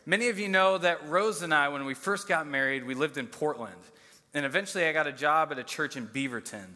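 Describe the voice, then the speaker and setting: A man in his thirties preaching a sermon as pastor, telling a story with animated, self-mocking energy. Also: fairly high pitch, long reverb tail.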